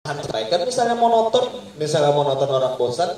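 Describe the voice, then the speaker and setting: A man's voice: fairly high pitch, very animated, fast talker, a little mellow, slight background noise. A man leading an informal poetry reading workshop, quizzing the group in call-and-response. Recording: echoey room, mic far off.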